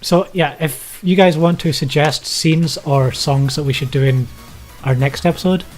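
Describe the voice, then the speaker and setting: A man's voice: fairly high pitch, moderate pace, faint music behind. A young man co-hosting a podcast, explaining things in casual chat with a hesitant delivery full of ums, from a small home studio. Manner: hesitant, lots of ums and likes. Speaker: podcast co-host.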